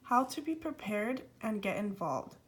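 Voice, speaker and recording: A woman's voice: mid-range voice, very animated, measured pace. A young adult woman giving a scripted student presentation with informal, somewhat hesitant asides.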